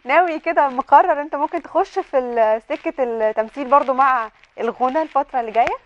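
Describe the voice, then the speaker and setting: Fast-talking Egyptian woman TV host. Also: high-pitched, highs cut off. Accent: Egyptian Arabic. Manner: fast, chatty, teasing. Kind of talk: morning TV interview.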